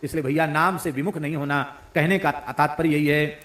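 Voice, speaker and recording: A man's voice: fairly high pitch, steady tone, moderate pace, fairly bright tone. A man giving a devotional sermon, breaking into sung verses and rising to emphatic declarations. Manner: mimics regional pronunciations playfully. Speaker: spiritual preacher. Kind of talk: devotional discourse with chanting. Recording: echoey room.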